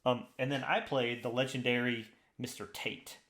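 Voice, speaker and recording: A man co-hosting a tabletop gaming podcast, talking in an eager, rambling way that often circles back on itself. His voice sits at a middle pitch. The room around him is noticeably echoey. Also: flat delivery, normal speed, a bit bright, a little hiss or hum. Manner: enthusiastic, rambling with restarts. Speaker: podcast co-host. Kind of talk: casual chat. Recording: roomy echo.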